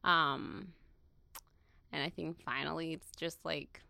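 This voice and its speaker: Chatty young woman from Peru, bright. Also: deep voice, steady tone, slow pace, gravelly, dry recording, studio quality. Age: young adult. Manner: chatty, many fillers, laughs often. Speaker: student interviewee. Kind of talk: casual interview.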